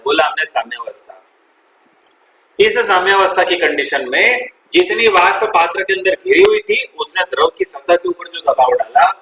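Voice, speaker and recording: A male teacher lectures in a bright, forceful voice, firing questions at the class and echoing back their answers. His voice rings around an echoey classroom with a faint hiss beneath it. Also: high-pitched. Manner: quizzes students and repeats their answers, calls them "beta". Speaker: chemistry teacher. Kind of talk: classroom lecture with call-and-response.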